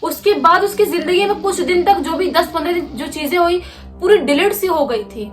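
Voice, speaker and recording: High-voiced woman telling a horror story. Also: normal speed, faint music behind. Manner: conversational, gestures with words like "like this". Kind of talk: casual spoken storytelling.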